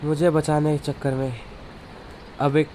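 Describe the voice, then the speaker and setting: A man's voice: on the high side, level tone, a little slow, dark tone, natural voice. Guy doing a fed-up young villager in a cartoon, whiny, noisy background. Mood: aggrieved. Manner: complaining, aggrieved. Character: anxious young village man, frustrated. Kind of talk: animated cartoon voice acting. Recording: background noise throughout.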